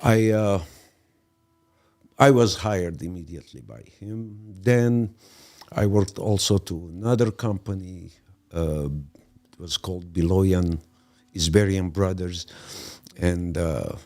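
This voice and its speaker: A man in his sixties, raised in Lebanon, telling his life story as a podcast guest in an unhurried way with pauses. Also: low voice, warm tone. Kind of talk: relaxed conversational storytelling.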